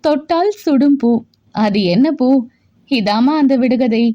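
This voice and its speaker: A woman's voice: sits high, slow, lo-fi sound. A woman voicing an injured young adult son who talks plainly and teases his mother lightly in a storybook reading. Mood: casual, teasing. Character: young adult man, injured son, moody then teasing.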